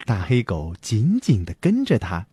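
A man reads a children's picture book aloud, and his voice leaps up and down very expressively. His tone is mellow and a little husky. The recording is close and dry, with no room echo. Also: fairly low pitch, unhurried. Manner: lively, warm storyteller's delivery. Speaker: storyteller. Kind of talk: children's story reading.

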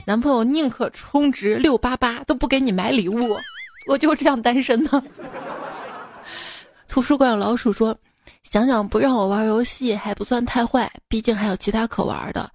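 Gravelly-voiced woman teasing through jokes. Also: on the high side, normal speed, a little mellow, no room sound. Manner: teasing, chatty, laughs at her own jokes. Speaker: radio-style host reading listener jokes. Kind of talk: playful joke-reading monologue.

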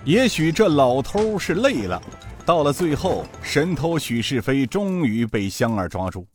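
A man narrating a serialized martial-arts story in an expressive, animated way. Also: fairly high pitch, measured pace, faint music behind.

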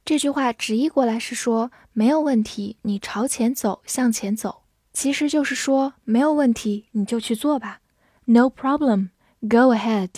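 Higher-voiced woman teaching English words. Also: mellow, no room sound, clean studio sound. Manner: spells words letter by letter and reads example sentences slowly for repeating. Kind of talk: scripted vocabulary lesson.

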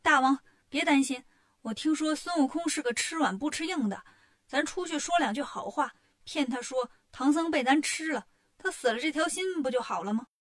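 A woman's voice: high voice, normal speed, natural voice. A woman voicing a sly, scheming male wolf demon who talks in a wheedling way in a storybook tale.

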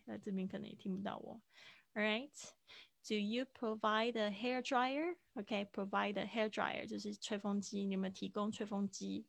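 During a live online class, a woman teaching English goes patiently through phrases for her students. Her medium-pitched voice is a little gravelly, captured dry and up close without any room behind it.

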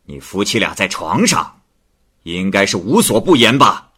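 Guy putting on a bossy old chinese magistrate, loud and slow, husky bright voice, swings his pitch way up and down. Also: big pitch swings, full character voice. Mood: stern. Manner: barks questions, drawn-out threatening delivery. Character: stern male magistrate of old China, imperious.

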